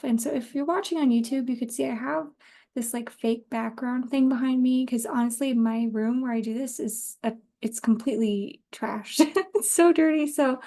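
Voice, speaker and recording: A woman in her thirties hosts a casual solo podcast, rambling informally, laughing easily, and swearing now and then. Her voice is fairly high with a warm tone.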